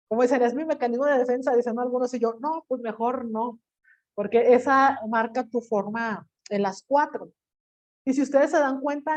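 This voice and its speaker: Lively woman teacher lecturing. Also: on the high side. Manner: lively, acts out quoted voices and asks the class questions. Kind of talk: classroom lecture. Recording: dull lo-fi recording.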